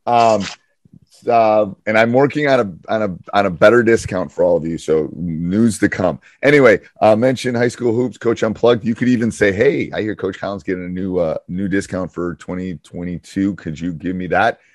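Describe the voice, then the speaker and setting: Guy coach hosting a hoops podcast, kinda low voice, rambles w lots of ums, dry sound. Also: moderate pace, dry recording. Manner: rambling, many fillers and restarts. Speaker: podcast host, basketball coach. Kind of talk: casual podcast chat.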